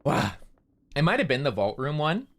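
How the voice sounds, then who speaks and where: This VTuber streamer has a fairly high, sing-song voice with a fairly bright tone, moving at a normal speed. He chats loosely during a game, rambling and scattering "like" fillers throughout.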